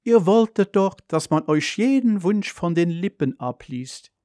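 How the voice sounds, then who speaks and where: Robot car, know-it-all, even informative tone, higher voice, read by a man, dry close recording. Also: a little slow, dry recording. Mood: lecturing. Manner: even, informative, slightly reproachful.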